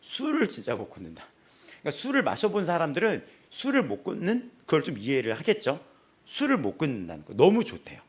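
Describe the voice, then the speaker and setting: A male pastor delivering a sermon in a church, telling stories with lots of laughter. His voice sits fairly high and moves up and down a great deal. It has a husky, slightly breathy edge. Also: fast talker. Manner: lively storytelling, laughs often. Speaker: senior pastor. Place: church sanctuary.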